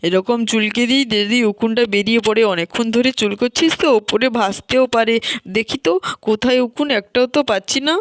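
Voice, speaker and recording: Woman doing a lecturing family elder, smooth voice. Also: fairly high pitch, brisk, no room sound, close to an everyday voice. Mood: fussing. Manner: lecturing, fussing. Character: adult family elder checking the girls for lice. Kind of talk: doll story voice acting.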